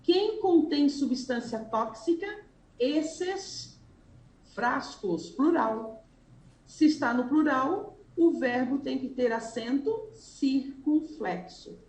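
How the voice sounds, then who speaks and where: Slow, patient Brazilian woman teacher. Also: high voice, animated, darkish tone. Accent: Brazilian Portuguese. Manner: explains slowly, acts out students' questions like "Ai, prof". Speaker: Portuguese language teacher. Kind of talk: exam-prep grammar lesson. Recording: echoey room with faint ambience.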